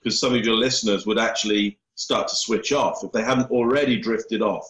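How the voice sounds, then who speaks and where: A man's voice: on the low side, steady tone, fairly quick, a bit bright. A man, a body language expert, explaining and demonstrating tone of voice to an interviewer over a video call. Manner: explanatory, coaching, asks for feedback. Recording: echoey room.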